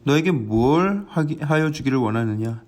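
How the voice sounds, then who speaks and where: A man voicing Jesus in a calm, solemn, gentle tone. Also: mid-range voice, normal speed, close to an everyday voice.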